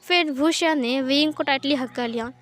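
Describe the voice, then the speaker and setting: A woman's voice: high voice, moderate pace, fairly bright tone, faint music behind. Woman reading a fan story aloud. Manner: plain storytelling with many speech tags. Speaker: narrator.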